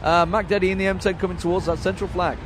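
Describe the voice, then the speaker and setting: A male esports caster rattles off play-by-play at a brisk clip, his voice sitting high. He calls the action live from a LAN event, with faint background noise. His delivery is quick and chatty, with frequent chuckles. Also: fairly even intonation. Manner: rapid play-by-play, chuckles often. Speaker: esports commentator. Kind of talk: live game commentary. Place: noisy LAN event hall.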